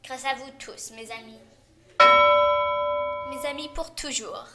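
A woman voicing a grumpy, lonely young rich man in a storybook, speaking loudly and emphatically. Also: sits high, takes it slowly, loud music behind the voice. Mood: moved.

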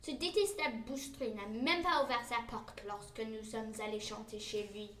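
A woman's voice: a little high, normal speed, a bit bright, echoey room, slight background noise, close to an everyday voice. A woman voicing a poor, resentful orphan boy in a storybook, complaining.

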